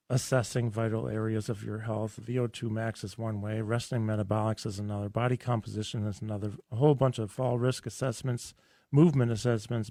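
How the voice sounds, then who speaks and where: Hoarse, raspy man hosting a radio show. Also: medium pitch, warm tone, dry recording. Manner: enthusiastic, rambling with restarts. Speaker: radio health show host. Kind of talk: casual radio talk. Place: radio studio.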